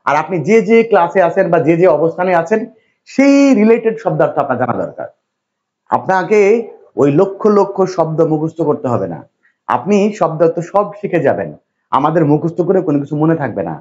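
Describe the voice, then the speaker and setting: A man from Bangladesh gives a classroom lecture teaching English, constantly asking his students questions and reassuring them. His voice is on the high side, sing-song, fairly quick, and a little mellow, with the highs cut off.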